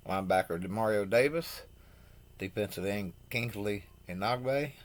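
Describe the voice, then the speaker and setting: Low-voiced man reading football news. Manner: halting, apologetic, stumbles over names; opinionated asides. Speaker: host. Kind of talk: reading NFL news from notes.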